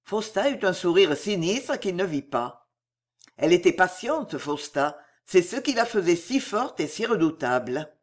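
A woman narrating a novel in a measured, expressive reading voice. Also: on the low side. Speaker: audiobook narrator.

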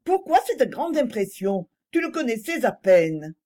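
A woman reading the part of an excitable, tender aristocratic lady in a storybook, in an emotional, pleading manner. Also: on the high side, measured pace.

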